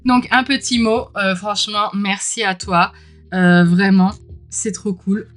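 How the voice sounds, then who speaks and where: A woman hosting a tarot unboxing channel gives casual, gushing commentary full of exclamations while soft music plays faintly behind her. She is mildly ill and keeps clearing her throat, speaking at an average pitch with fairly even intonation and a measured pace.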